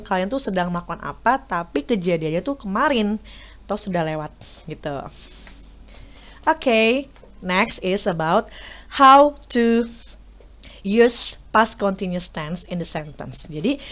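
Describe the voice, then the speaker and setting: Indonesian woman teaching an English lesson. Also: mid-range voice. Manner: patient, explaining and repeating slowly with many fillers. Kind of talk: classroom video lesson.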